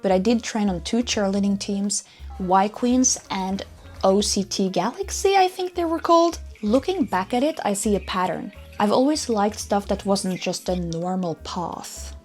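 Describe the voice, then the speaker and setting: Soft background music accompanies a woman in her twenties from Norway as she narrates her own story for her vlog. Her medium-pitched voice is husky and a little mellow, moving at a moderate pace, and the scripted delivery is upbeat and sincere with a Norwegian accent.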